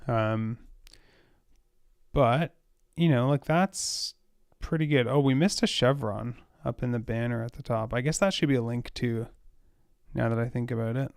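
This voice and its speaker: A man's voice: medium pitch, unhurried, gravelly, clear, resonant tone, no echo, clean studio sound. A man casually thinking aloud as he writes code, rambling with fillers and exasperated laughs. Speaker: web developer coding on a live stream.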